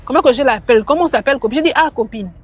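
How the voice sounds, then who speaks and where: A woman with a high-pitched voice tells a personal story in a loose, conversational way. She circles back, restarts her sentences and repeats words as she goes. The recording is a little dull, with faint music playing underneath. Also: very fast, a little mellow, slightly rough. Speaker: storyteller sharing a personal testimony. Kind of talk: casual first-person storytelling. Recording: slightly muffled, faint background music.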